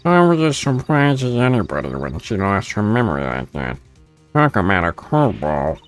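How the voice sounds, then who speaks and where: A man's voice: on the low side, huge pitch swings, normal speed, faint music behind. A man reading game dialogue aloud, putting on a disguised voice for a mocking mystery caller. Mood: taunting. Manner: smug, mocking, sing-song.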